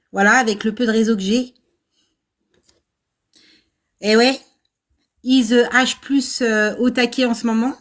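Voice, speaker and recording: A middle-aged woman chats loosely on a livestream from her old house, her voice sitting a little high. She rambles, laughs at herself and fills her talk with hesitations as she speaks to her viewers. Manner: chatty, laughing, self-mocking, many fillers. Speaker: nursing-assistant VAE coach and livestream host. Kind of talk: casual livestream chat with viewers. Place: old house without air conditioning.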